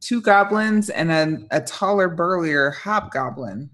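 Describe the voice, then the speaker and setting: A young woman narrating an improvised tabletop game as dungeon master, conversational and halting, on a headset call. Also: lowish voice, animated, a bit bright. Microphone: headset on a video call.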